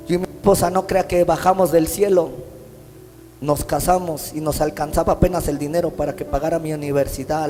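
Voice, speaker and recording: A Mexican man preaching a sermon as pastor, impassioned, his phrases swelling into sung, drawn-out lines. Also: sits high, dark tone. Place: church hall. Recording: long church-hall reverb with faint instrumental music.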